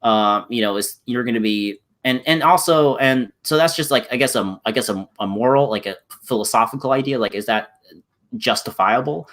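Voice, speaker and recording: A man's voice: mid-range voice, normal speed, fairly bright tone. Rambling man talking politics. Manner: rambling, many restarts and fillers. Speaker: channel host in a discussion. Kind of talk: casual political discussion.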